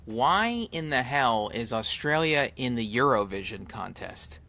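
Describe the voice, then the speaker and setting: Bright-voiced joking podcast host. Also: medium pitch, big pitch swings, a little slow, gravelly. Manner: bright, jokey questioner who laughs often. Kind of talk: casual interview chat.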